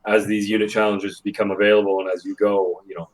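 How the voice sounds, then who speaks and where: A man's voice: on the low side, level tone, fast talker, low-quality recording. A man, a guest on a gaming podcast, talking at length in a rambling way with many fillers. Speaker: guest, influencer manager. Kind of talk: casual podcast chat.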